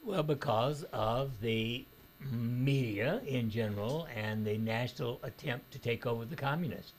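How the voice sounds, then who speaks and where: A man's voice: medium pitch, a little slow. A man hosting a call-in talk radio show, blunt and outspoken in his opinions.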